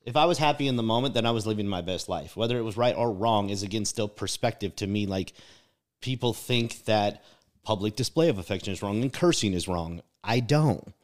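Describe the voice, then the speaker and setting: A man co-hosts a casual podcast conversation, speaking fairly quickly in a fairly low voice. He sounds reflective and emphatic, leaning on "like" and "right?" to drive his points home.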